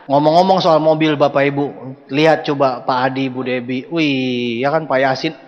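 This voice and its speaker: A man giving a motivational seminar talk to a live audience, animated and joking, speaking to them directly. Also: a little high, muffled recording. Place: large hall with audience. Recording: long hall reverb.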